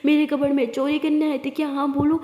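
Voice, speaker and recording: A woman's voice: high-pitched, level tone, fast talker, dark tone, natural voice. A woman voicing a stern young college woman who scolds and demands answers. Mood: annoyed demanding. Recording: roomy reverberant room.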